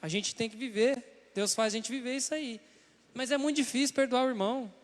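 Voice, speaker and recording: Brazilian male pastor, young, conversational sermon that acts out quoted voices, very high pitch. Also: fairly quick. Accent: Brazilian Portuguese. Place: church sanctuary. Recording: long hall reverb.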